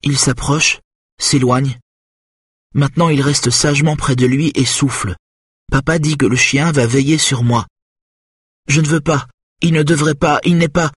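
A man reading an audiobook voices a frightened woman under deep hypnosis who talks like a small child, pleading and distressed. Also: fairly even intonation, a little slow, long pauses, slightly rough, no room sound, studio quality. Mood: childlike, distressed.

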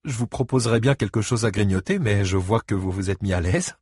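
Man doing husky, wary grandmother, clipped, dry close read. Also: on the low side, a little fast, a little mellow, no echo. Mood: guarded. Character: wary middle-aged grandmother, guarded and protective.

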